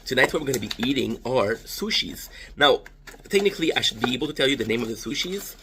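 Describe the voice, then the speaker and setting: Fast, animated and pushed, his bright medium-pitched voice carries over slight background noise. This French Canadian-accented man from Canada, in his thirties, vlogs a food tasting in a rambling, casual way, full of swearing and jokes at his own expense.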